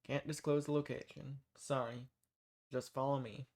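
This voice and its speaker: Playing a hunter secretly working for a rebel cause, this man speaks his lines in a fantasy audio drama straight to the listener. The folksy, plain-spoken delivery is friendly and reassuring, lightly acted, at a moderate pace. His average male pitch holds a level tone with a slightly dark color.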